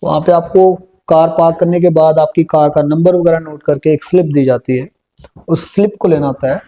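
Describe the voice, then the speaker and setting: A man with a Punjabi accent teaches a spoken English lesson step by step, slowing down and repeating phrases as he writes them on a board. His voice is a little high, with a steady, dark tone.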